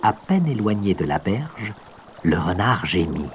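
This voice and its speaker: A man narrating a children's storybook in a gentle, expressive read-aloud voice. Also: low-pitched, measured pace, dull audio, a little hiss or hum.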